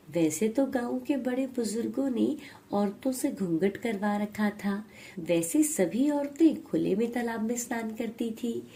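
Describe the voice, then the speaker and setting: A woman narrates a story slowly and evenly, with a gravelly edge to her voice. Her tone is dark and mellow, and her pitch sits slightly high. She reads it as scripted narration.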